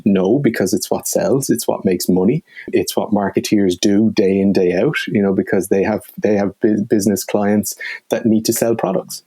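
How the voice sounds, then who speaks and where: A man's voice: lowish voice, mellow, no echo. An Irish man in his forties, a podcast guest speaking thoughtfully in a conversational interview, with frequent fillers and restarts. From Ireland. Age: 40s.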